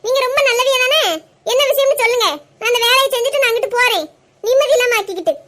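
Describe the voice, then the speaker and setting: A woman's voice: extremely high pitch, fast talker, noisy background. A woman voicing a defiant young daughter-in-law in a cartoon, with a Kanyakumari Tamil accent and curt, exasperated retorts. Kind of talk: cartoon voice acting.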